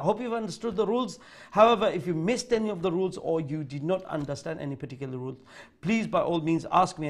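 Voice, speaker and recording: A man teaching Quran recitation rules live, explaining slowly and reciting words in a sung tone. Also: fairly high pitch, creaky. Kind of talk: live tajweed lesson, switching between Bengali and English.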